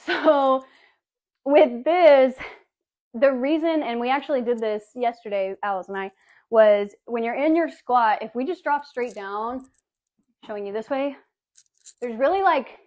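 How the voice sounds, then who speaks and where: A woman fitness coach giving a casual live workout demonstration, chatty and breezy, calling her viewers baby and girlies. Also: on the high side. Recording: dull lo-fi livestream audio.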